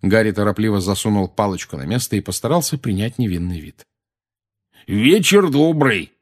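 Male audiobook narrator, low and husky, steady and measured.

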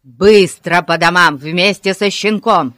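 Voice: mid-range voice, moderate pace, no echo, lightly acted. Bossy village cop who barks everything, read by an audiobook narrator; dry close sound. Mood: furious shouting. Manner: shouting orders. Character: bossy loud village policeman, man. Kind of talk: audiobook character voice.

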